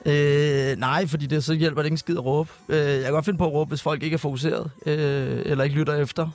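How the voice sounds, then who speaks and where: Halting man with faint music behind. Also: fairly high pitch, little pitch movement, darkish tone, no room sound. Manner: halting, many fillers and restarts. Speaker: chef guest. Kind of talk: casual podcast chat.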